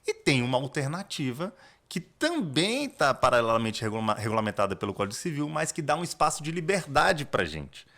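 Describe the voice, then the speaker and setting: A man with a Brazilian Portuguese accent, a corporate lawyer on a podcast, walks through estate planning step by step in explanatory interview talk, restarting often. His mid-range voice is very animated, brisk, and a bit bright.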